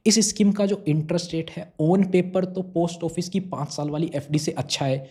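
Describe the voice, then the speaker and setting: A man's voice: fairly high pitch, normal speed, mellow. A young adult man hosting a finance explainer, going step by step and asking and answering his own questions. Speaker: finance YouTuber explaining savings schemes. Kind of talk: explainer talk to camera.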